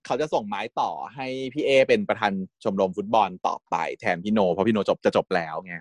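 A man's voice: fairly low pitch, fairly quick, slightly rough, dry recording. A man casually retelling a TV series episode, chatty and giggly, slipping into the characters' lines as he goes. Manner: chatty, giggles often, acts out quotes. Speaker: series recap host. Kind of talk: casual storytelling recap.

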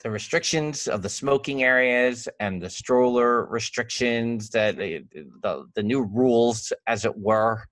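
Brief: Long Island man, podcast co-host, mid pitch, dry close sound, rambles. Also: a bit bright, no echo. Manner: rambling, halting, restarts a lot. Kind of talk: casual chat.

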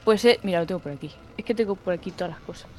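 A woman's voice: lowish voice, very fast. A woman from Murcia, a guest illustrator chatting casually over a video call and laughing often. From Murcia, Spain. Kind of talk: casual chat.

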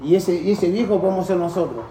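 A man's voice: high voice, fast, background noise. A man with a Rioplatense accent, earnestly telling a personal story in a group talk and often restarting his sentences. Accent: Rioplatense Spanish. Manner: earnest, rambling, many restarts. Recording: echoey room with faint ambience.

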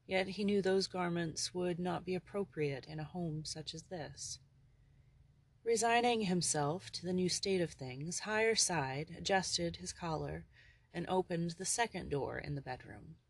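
An audiobook narrator reading a novel in a measured, descriptive way on a close mic. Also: medium pitch, dry recording.

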